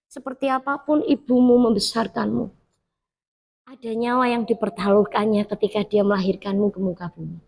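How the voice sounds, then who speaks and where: A woman's voice: medium pitch, fairly even intonation, moderate pace, gravelly, a little mellow. A middle-aged woman pastor, preaching a sermon with personal stories and acting out her own past prayers.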